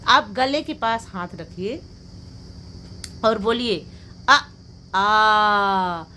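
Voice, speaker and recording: A woman's voice: fairly high pitch, lively intonation, slow pace, sharp tone, a little hiss or hum. A woman teaching an exam-prep lecture, asking the class questions and then answering them herself. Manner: drills points with rhetorical questions and repeats the answers.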